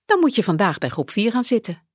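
A woman voicing a kind, middle-aged male school principal, speaking low and calmly in a storybook reading. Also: brisk, no room sound, clean studio sound. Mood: kindly.

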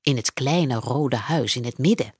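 A woman voicing a kind old man neighbor who speaks gently and with concern, in a children's audiobook. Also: rumbling low, measured pace, breathy edge, dry recording, studio quality, pitched below the performer's own voice, heavily acted. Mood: kindly.

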